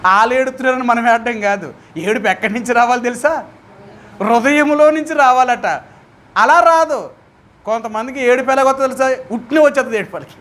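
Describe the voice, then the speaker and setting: A man's voice: extremely high pitch, a little fast, a bit bright, slight background noise. A man with a Telugu accent leading a Bible study as pastor, who keeps putting questions to his listeners and speaks with emphasis.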